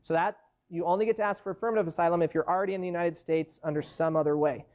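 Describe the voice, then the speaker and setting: A man's voice: fairly high pitch, steady tone, racing, darkish tone. A man in his thirties, an immigration lawyer, giving a conversational classroom lecture from a lectern and explaining through worked case examples. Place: university lecture hall, standing at a lectern. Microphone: far camera in the room. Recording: dull lo-fi classroom recording.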